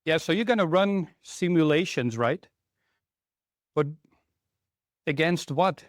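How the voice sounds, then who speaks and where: With a fairly high, animated voice and a slow pace, this middle-aged technical trainer from Belgium gives a conversational talk to a live conference audience, often turning questions to the room. It's clean studio sound with no room sound.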